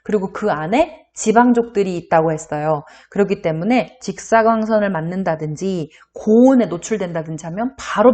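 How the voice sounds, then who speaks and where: A middle-aged woman teaching a recorded class. Her pitch swings widely as she talks, and she keeps turning to the students with questions in a chatty, friendly manner. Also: a little mellow. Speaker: university lecturer. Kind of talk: recorded online lecture.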